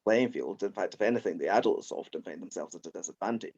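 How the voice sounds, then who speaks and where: A man's voice: low-pitched, fast talker, a little mellow, muffled recording. A man co-hosting a casual podcast chat, thinking aloud with frequent restarts. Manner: thoughtful, rambling with restarts. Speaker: podcast co-host.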